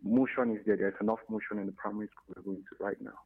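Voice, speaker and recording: A Nigerian man phones in over a thin, tinny line, his low voice rough and gravelly. He talks fast, stopping and restarting his sentences as he reports. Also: fairly even intonation. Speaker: caller. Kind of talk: radio call-in report.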